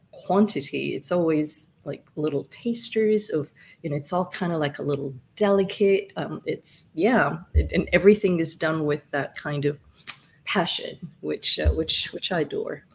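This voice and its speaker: A woman's voice: low voice, a little slow, gravelly, darkish tone, slight background noise. A woman from Somalia, a podcast guest talking effusively in a casual interview, with lots of fillers and easy laughter. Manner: effusive, laughs often, many fillers and restarts.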